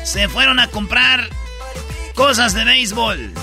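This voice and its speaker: A man's voice: extremely high pitch, slow pace, sharp tone, soft background music. A man hosting a comedy radio show, playful and giggly, repeating his own jokes. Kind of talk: joking radio banter.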